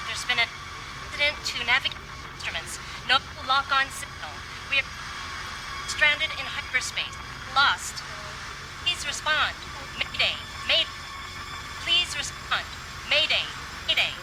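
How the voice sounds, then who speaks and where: Starship officer on a faint, distant speaker. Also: female voice, high-pitched, animated, measured pace, pauses often. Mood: urgent. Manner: clipped, repetitive radio calls. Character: stranded woman starship officer, urgent and steady. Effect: distress call played over a ship's speaker, distant and faint. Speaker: starship crew member sending a distress call. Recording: distant, noisy transmission.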